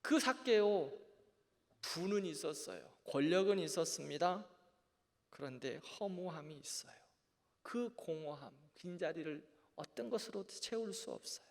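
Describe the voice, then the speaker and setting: Earnest pastor in a reverberant church. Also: male voice, on the high side, expressive, unhurried, gravelly. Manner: earnest, asks the listeners rhetorical questions. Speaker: pastor teaching a Bible class. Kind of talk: Bible lecture to a congregation. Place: church sanctuary.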